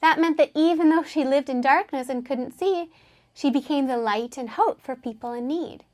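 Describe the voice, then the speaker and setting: A woman's voice: sits high, normal speed, darkish tone. A woman teaching an English lesson, patiently explaining words and having learners repeat them after her.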